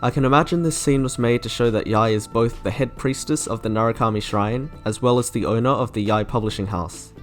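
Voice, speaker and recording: Scripted commentary comes from a man hosting a review video about game character trailers. His mid-range voice is fairly quick with hardly any pauses, and there's background music underneath.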